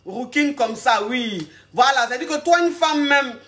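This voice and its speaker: A woman's voice: high-pitched, lively intonation, normal speed, a bit bright. A woman giving relationship advice in a casual live talk, speaking straight to her viewers and rambling as she searches aloud for words. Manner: addresses the audience directly and familiarly. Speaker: relationship coach.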